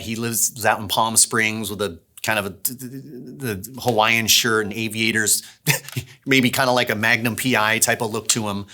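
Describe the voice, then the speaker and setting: In his behind-the-scenes series, the audio drama director and host talks conversationally about his production work. His lowish voice comes across bright and forceful.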